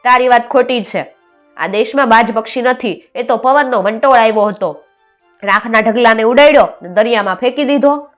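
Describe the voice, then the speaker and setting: A woman's voice: fairly high pitch, animated, moderate pace, faint music behind, close to an everyday voice. A woman storyteller voicing a group of insistent village farmers, speaking in a raised, coaxing tone. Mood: warning.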